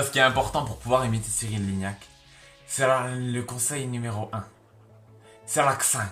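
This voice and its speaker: A man's voice: medium pitch, bright, forceful tone. A young man hosting a casual impression tutorial, chatty and rambling and making fun of himself. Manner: chatty, rambling, and self-mocking. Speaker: YouTube impressionist. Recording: echoey room, faint background music.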